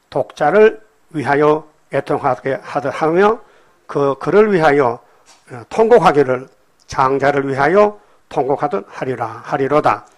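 A man preaching a sermon, reading scripture and explaining it in blunt, colloquial asides, often prodding his listeners with short questions. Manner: swings between loud emphatic outbursts and low murmured remarks. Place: church hall with congregation.

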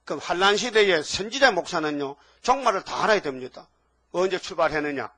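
An older male pastor preaches in a high, bright voice, reading verses aloud and then hammering at them with question after question to his congregation. The sound is close and dry, with no room around it. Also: lively intonation, brisk, no echo. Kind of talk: sermon.

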